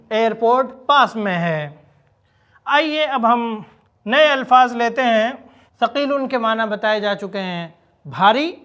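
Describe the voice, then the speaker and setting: A man teaching a spoken language lesson, explaining words quickly and then repeating example phrases slowly and deliberately. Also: very high-pitched, fairly bright tone, dull audio. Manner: slow, drawn-out repetition of example phrases. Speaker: Arabic teacher.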